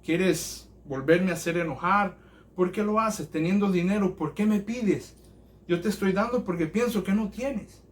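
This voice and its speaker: A preacher acts out a worn-out working father home from a hard day. His voice sits high and sounds strained, with a short temper. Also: unhurried. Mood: exasperated. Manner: scolding, then apologetic.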